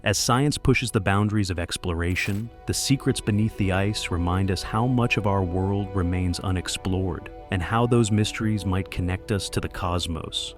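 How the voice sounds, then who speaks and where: Male nature documentary narrator, fairly deep, solemn scripted delivery, faint music underneath. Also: normal speed, hardly any pauses. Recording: music behind the voice. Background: background music.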